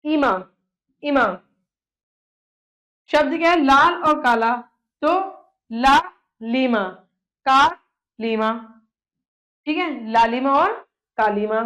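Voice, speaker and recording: Slow, high-voiced woman teaching grammar. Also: fairly bright tone, poor audio. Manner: slow, patient, repeats syllables and asks rhetorical questions. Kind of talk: Hindi grammar lesson.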